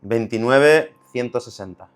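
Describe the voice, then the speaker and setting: A man's voice: medium pitch, measured pace. A man from Málaga with an Andalusian Spanish accent, asking questions conversationally as an interviewer. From Málaga, Spain.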